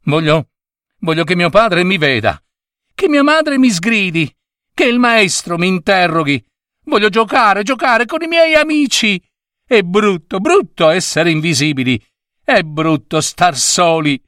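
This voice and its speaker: A man's voice: huge pitch swings, slow, a bit bright, dry recording, studio quality, heavily acted. A man voicing an invisible lonely schoolboy. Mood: tearful pleading. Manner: high, crying pleas.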